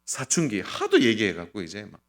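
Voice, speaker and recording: A middle-aged male pastor giving an earnest sermon, swinging between loud and soft. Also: on the low side, fairly quick. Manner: lively, earnest preaching with sudden loud and soft turns.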